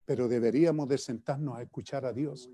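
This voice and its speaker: A man's voice: mid-range voice, steady tone, brisk, dark tone, husky. A man preaching a sermon, retelling stories with acted-out quotes and asking his congregation rhetorical questions.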